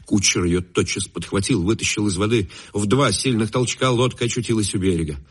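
A man narrating a classic story in a measured, expressive reading. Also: on the low side, slightly rough. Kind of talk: literary audiobook narration.

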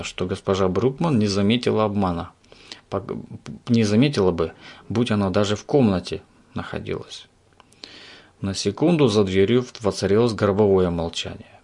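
A man reads a children's story aloud with lively storytelling. His voice is low with a gravelly grain. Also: normal speed. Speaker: narrator.

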